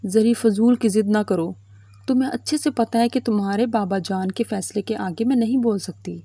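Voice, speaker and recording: A woman voicing a worried middle-aged mother who talks softly and pleadingly. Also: mid-range voice, gravelly, no room sound. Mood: alarmed. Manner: pleading, soft.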